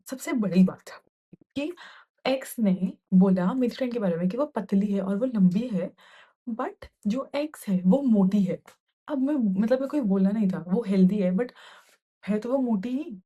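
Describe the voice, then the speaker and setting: A woman's voice: mid-range voice, moderate pace, mellow, husky, lo-fi sound. A young woman from India telling a hostel story to camera in casual Hindi, heated and indignant, slipping in English phrases. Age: young adult.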